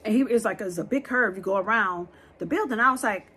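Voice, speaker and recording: A woman telling a scary true story to her viewers in a lively, blunt way, talking straight to them and swearing freely. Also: mid-range voice, quick pace, breathy edge.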